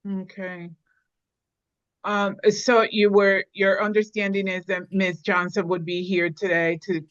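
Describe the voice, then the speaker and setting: A woman chairing a public meeting, speaking politely and procedurally in a halting way. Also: dry recording. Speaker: commission chair. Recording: muffled low-fidelity meeting audio.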